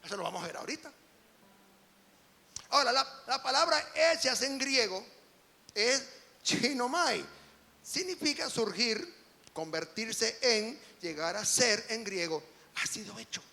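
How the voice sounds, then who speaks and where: A man preaches an emphatic sermon in a high, gravelly voice. His tone is bright and forceful, and he swings between quiet stretches and shouted peaks. The sound carries the long reverb of a large hall. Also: lively intonation, measured pace, pauses often. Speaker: apostle preaching.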